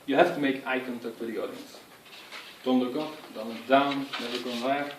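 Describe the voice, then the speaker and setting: An earnest man gives a prepared speech on public speaking, phrasing things in a halting, instructive way. His voice sits at a middling pitch and rings in an echoey room. He is picked up from a distance, with faint background noise. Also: fairly even intonation. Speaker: speech giver. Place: room with an audience.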